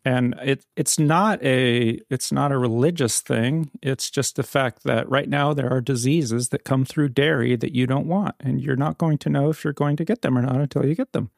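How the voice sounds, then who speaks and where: A man co-hosting a casual talk show who argues his points in a measured way and builds analogies. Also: medium pitch, fairly even intonation, vocal fry, darkish tone, no echo, clean studio sound. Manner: measured, argumentative, uses analogies. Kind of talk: casual chat.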